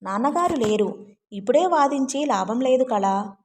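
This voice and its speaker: A woman voicing a calm, steady grown man, speaking in a measured, firm way as she reads a story aloud. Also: high voice, slight background noise. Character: man, calm steady family elder brother.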